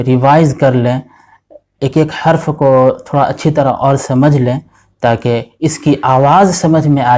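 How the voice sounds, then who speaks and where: A man's voice: a little high, warm tone. Patient male Urdu alphabet teacher. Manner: patient, explains step by step; drills each letter four times slowly. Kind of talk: alphabet lesson for children.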